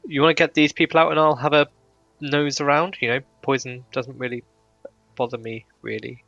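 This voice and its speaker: A man's voice: mid-range voice, little pitch movement, normal speed, creaky, fairly bright tone, no echo, dull audio, soft background music. A man talking casually and bantering as a player in a tabletop role-playing game. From outside the United States.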